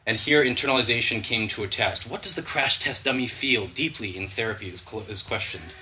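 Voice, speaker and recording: A man reading a dense, lyrical poem aloud at a live reading, measured and deliberate. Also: mid-range voice, sharp tone, slight background noise, low-quality recording. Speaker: poet.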